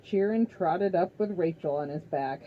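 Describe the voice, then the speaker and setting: A woman reading a novel aloud, steady with small slips. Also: lowish voice, normal speed, muffled recording, slight background noise. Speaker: reader.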